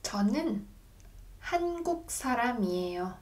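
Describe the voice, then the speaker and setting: A young woman teaching a language, saying short model phrases slowly and clearly for learners to repeat, recorded in a small room on a desk camera. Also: on the high side, big pitch swings. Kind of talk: slow, clearly articulated lesson drills.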